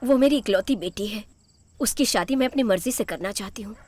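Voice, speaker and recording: A woman's voice: medium pitch, fairly quick, darkish tone, close to an everyday voice. An actress playing a desperate middle-aged mother who begs a young man to keep away from her only daughter, speaking earnestly in a dubbed film. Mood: pleading. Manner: pleading, earnest. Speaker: pleading mother.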